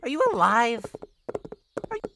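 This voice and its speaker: A woman's voice: on the high side, sing-song, moderate pace, fairly bright tone, slight background noise. A woman playing a playful, flirty demon jester for a visual novel horror game, teasing and sweetly menacing in a theatrical way. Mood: teasing, gleeful. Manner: theatrical, teasing, swinging from singsong chirps to sinister purrs.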